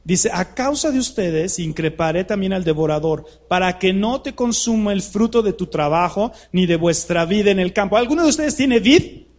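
Male preacher, light high voice, chatty sermon style, keeps asking the room questions. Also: animated, moderate pace, few pauses. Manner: conversational preaching full of rhetorical questions to the congregation. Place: church hall with a live congregation.

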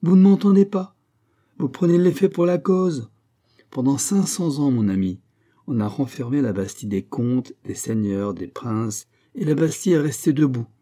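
Guy reading as a mocking grand mystic plotter, husky dark voice, pitch raised, big ironic swings. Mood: fervent. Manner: emphatic, sweeping, ironic declaiming. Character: grandiose, mocking older male mystic conspirator. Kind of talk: audiobook reading.

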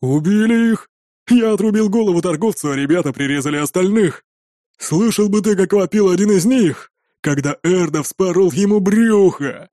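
A man's voice: a little high, expressive, normal speed, few pauses, a little mellow, no room sound, clean studio sound. A man voicing a brash, cheerful young male viking warrior who talks in a boastful, carefree way.

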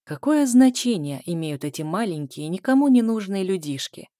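A cold, cruel man with a scarred face speaks in a low, hissing, menacing voice, as a woman narrator puts him on. His tone stays mellow and dark, and the sound is close and dry, with no room around it. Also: animated, moderate pace, no room sound, close to an everyday voice. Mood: zealous threatening.

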